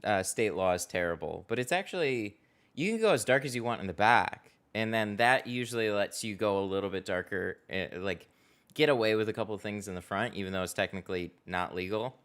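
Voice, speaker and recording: A man's voice: lowish voice, a little fast, fairly bright tone, clear, resonant tone. A man hosting a casual livestream from a tint shop garage, chatting, laughing often and answering viewer questions as he works. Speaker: window tint installer and livestream host. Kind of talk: casual livestream chat while working.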